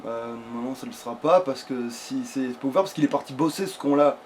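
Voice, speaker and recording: Recorded noisily at home, a man commentates his let's play in a casual, complaining tone, cursing freely. His voice has a medium pitch, a fairly quick pace and a slightly mellow quality.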